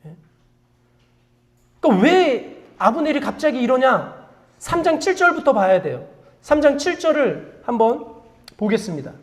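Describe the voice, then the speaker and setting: A woman's voice: high-pitched, sing-song, normal speed, long pauses. A woman pastor preaching a sermon. She asks the congregation many rhetorical questions, prompts them to repeat after her, and admits her own faults. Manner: confessional, self-deprecating asides; call-and-response prompting.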